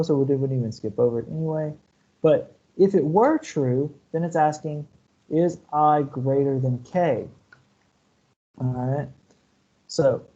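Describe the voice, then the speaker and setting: A university computer science lecturer, a man with a somewhat high, warm voice, teaches programming online from shared slides. He explains step by step and keeps checking in with "okay?" and "right?", and the audio sounds lo-fi.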